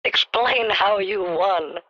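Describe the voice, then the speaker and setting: A man talking through a pitch-shifted voice changer on a call, earnestly lecturing the other caller and repeating his name. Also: slow, pushed and bright, dry recording, muffled recording. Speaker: scam baiter on a call. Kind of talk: phone call confrontation.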